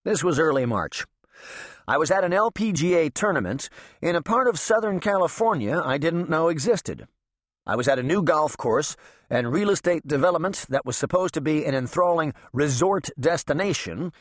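A man's voice: on the high side, no echo, studio quality. A man narrating an audiobook in a wry, sardonic first-person voice. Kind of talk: scripted narration.

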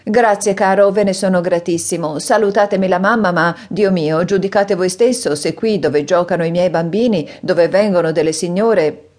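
A woman's voice: fairly low pitch, normal speed, darkish tone, pitched above the performer's own voice, natural voice. A woman reading an audiobook voices a polite middle-aged male doctor, courteous and hesitant.

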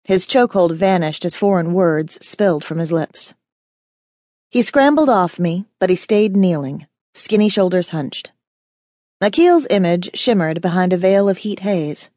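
A woman's voice: fairly low pitch, lively intonation, unhurried, dark tone, no room sound, clean studio sound. A woman narrating a first-person fantasy audiobook with wry, dramatic storytelling.

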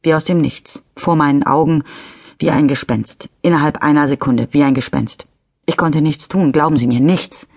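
A woman's voice: sits low, normal speed, gravelly, darkish tone, no echo, clean studio sound. A woman reading a nervous middle-aged man who has just hit someone with his car, stammering and turning defensive. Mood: shaken. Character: nervous middle-aged male driver after a crash. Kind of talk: audiobook character reading.

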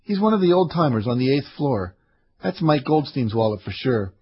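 A man's voice: medium pitch, very animated, normal speed, breathy edge, highs cut off, voice pushed up. A man reading a matter-of-fact guard.

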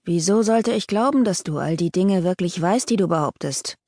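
Woman reading as a gruff, nervous shepherd. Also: fairly low pitch, moderate pace, warm tone, no echo, clean studio sound. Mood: uneasy. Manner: gruff, trying to sound brave. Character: nervous male shepherd, gruff but timid. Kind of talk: audiobook reading.

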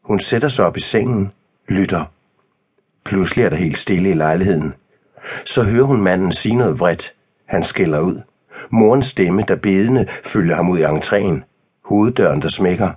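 A man narrating an audiobook in a measured, calm way. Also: deep voice, slightly rough.

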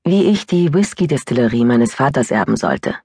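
A woman's voice: rumbling low, expressive, moderate pace, creaky, a little mellow, husky, no echo, clean studio sound, heavily acted. Woman voicing a rueful, troubled young woman. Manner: rueful, sighing confessional telling. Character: troubled young woman recalling a broken engagement. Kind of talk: audiobook character voice.

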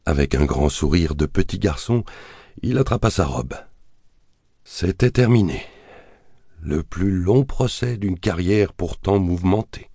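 A man narrating a thriller audiobook in a measured, dramatic reading that colors the quoted lines. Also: sits low, lively intonation, mellow, slightly rough, no echo, clean studio sound. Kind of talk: scripted narration of a thriller novel.

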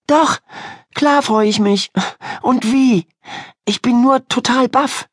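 A man's voice: very high-pitched, slow, fairly bright tone, no echo, clean studio sound, pitched above the performer's own voice, exaggerated voice. A man voicing a nervous young schoolgirl with a secret, in a storybook reading. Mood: startled girl. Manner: startled, nervous. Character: red-haired schoolgirl keeping a secret.

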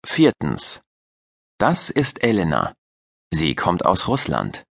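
Deep-voiced man narrating a language lesson. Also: huge pitch swings, fairly bright tone, no echo. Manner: slow, clear, didactic. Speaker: language-course narrator and teacher. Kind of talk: scripted audio lesson narration.

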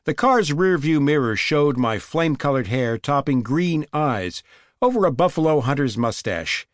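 Expressive male audiobook narrator, dry sound. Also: fairly high pitch, moderate pace, dry recording. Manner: vivid, expressive storytelling. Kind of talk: first-person scripted narration.

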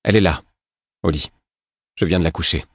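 A man's voice: low voice, a little fast, breathy edge, dry recording, clean studio sound. A man narrator voicing an angry, protective young mother who speaks curtly and reproachfully. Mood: sharp, reproachful. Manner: curt, sharp, reproachful.

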